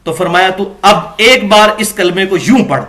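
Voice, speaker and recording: A man's voice: sits high, bright, forceful tone. A man giving a religious lecture, reading from books and arguing his points with emphatic peaks. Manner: argumentative, rising to emphatic peaks.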